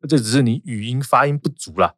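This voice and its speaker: A man with a Taiwanese Mandarin accent, a lawyer explaining legal cases in casual podcast chat, animated and quick with examples. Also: medium pitch, no echo, clean studio sound.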